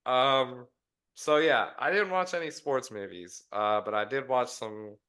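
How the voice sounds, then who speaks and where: Casting: young male co-host, bright forward tone, loose rambling retelling. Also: medium pitch, a little slow. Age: young adult. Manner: rambling storytelling with fillers. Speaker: podcast co-host. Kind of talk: casual chat.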